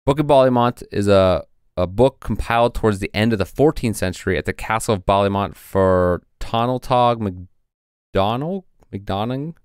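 A man's voice: on the low side, moderate pace, clear, resonant tone, dry recording, clean studio sound. A man co-hosting a casual podcast, reading passages from old texts with frequent fillers. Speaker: podcast co-host presenting research.

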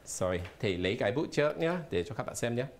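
Guy teaching on a tv studio show, really animated pitch, patient, spells stuff out letter by letter. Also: fast, slight background noise. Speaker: English teacher. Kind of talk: live televised language lesson. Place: television studio.

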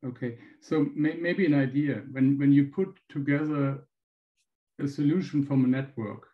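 A man with a German accent asking a question, halting and restarting as he searches for words. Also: mid-range voice, fairly even intonation, phone-quality sound. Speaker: audience member asking a question.

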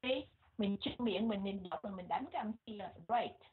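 A woman with a Vietnamese accent teaching English pronunciation, repeating words slowly and switching between English and Vietnamese. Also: medium pitch, a little hiss or hum. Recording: muffled, phone-like lo-fi audio.

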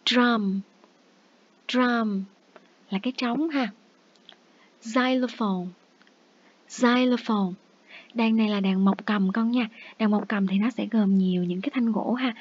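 A woman teaching English to young children in a recorded review lesson. She speaks patiently and coaxingly, and she says English words slowly and repeats them for the class. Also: mid-range voice, dark tone, husky, lo-fi sound.

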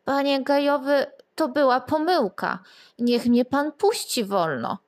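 A woman voicing a greedy male wolf in a children's storybook reading, with slow, drawn-out, growling lines. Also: high-pitched, lively intonation, pitched above the performer's own voice. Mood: pleading. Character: big bad male wolf, greedy then meek.

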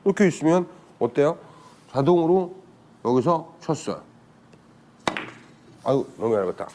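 A man's voice: a little high, very animated, measured pace, mellow, slight background noise. A man teaching billiards in a casual spoken lesson, chatting and often putting rhetorical questions to viewers. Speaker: billiards instructor.

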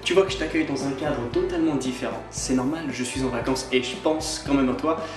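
A man's voice: medium pitch, fairly quick, reverberant, music in the background. A man from Scotland, an online English teacher, giving a chatty video lesson and drilling words by repetition. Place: on holiday, away from usual setting.

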